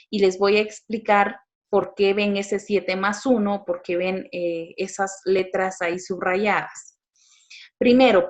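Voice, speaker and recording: A middle-aged woman from Guatemala with a Guatemalan accent, teaching a lesson in a patient, explanatory way with frequent pauses and fillers. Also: mid-range voice, dull audio. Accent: Guatemalan Spanish. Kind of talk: classroom lecture.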